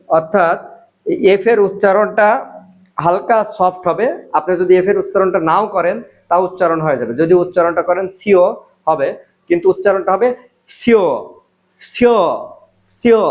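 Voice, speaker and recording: A man teaching a spoken language lesson, repeating each word slowly and spelling out sounds. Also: high voice, poor audio. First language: Bengali.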